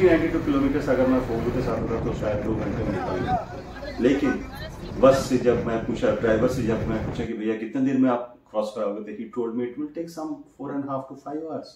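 Guy from jharkhand vlogging a bus trip, chill reflective talk, mid-pitched voice, street noise all around. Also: poor audio. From Jharkhand, India. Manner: mixes English phrases into relaxed reflective talk. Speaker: travel vlogger. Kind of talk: casual travel vlog narration. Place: bus and roadside stops outdoors. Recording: street and vehicle noise behind.

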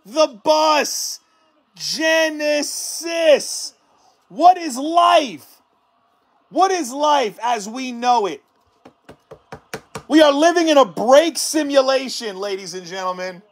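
Man, card break host, high voice, unhurried delivery, loud hyped outbursts. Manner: hyped, shouting exclamations between calm card callouts. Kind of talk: excited card-break stream.

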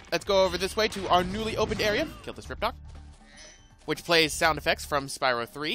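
Man, let's play host, sarcastic rambling commentary, higher pitch, animated. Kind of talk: gameplay commentary. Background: faint game music.

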